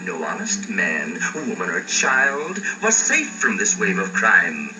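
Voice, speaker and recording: Over the top 1930s western cartoon narrator, super melodramatic, slow delivery, old far-off soundtrack w music. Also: male voice, sits low, very animated, pushed and bright, full character voice. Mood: grandiose, suspenseful. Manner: hammy, grandiose, with chummy asides to the audience. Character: breathless, mock-dramatic male narrator of a western spoof. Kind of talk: melodramatic 1930s radio serial narration parody.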